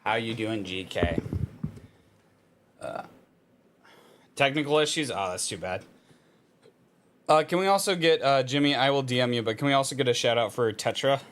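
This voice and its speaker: A man's voice: mid-range voice, animated, normal speed, pauses often, fairly bright tone. A man streaming a visual novel, chatting casually and reading narration aloud in a playful, self-interrupting way. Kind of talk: casual livestream chat with read-aloud narration.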